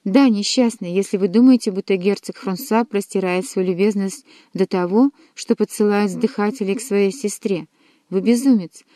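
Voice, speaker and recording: A woman's voice: medium pitch, normal speed, dark tone, no room sound, lightly acted. A woman voicing a young queen who teases and reproaches her lover. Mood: reproachful. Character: young queen, teasing and commanding.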